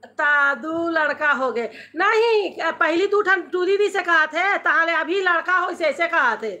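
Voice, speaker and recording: A woman's voice: very high voice, animated, takes it slowly, pushed and bright. A middle-aged woman with a Chhattisgarhi accent, hosting a casual live stream from home, chatting with viewers and reading out their comments. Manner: chatty, switching between Hindi and dialect, reading out comments.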